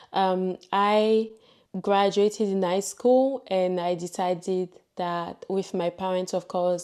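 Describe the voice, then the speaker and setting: Female vlogger, native French with Ivorian accent. Soft-edged warm tone, leisurely pace, casual personal testimony. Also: medium pitch. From Ivory Coast.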